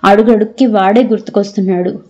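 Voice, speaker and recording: A woman's voice: mid-range voice, steady tone, a little fast, a little mellow, lo-fi sound, natural voice. A woman narrator voicing a grieving elderly father with a trembling, tearful voice. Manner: sorrowful and weary.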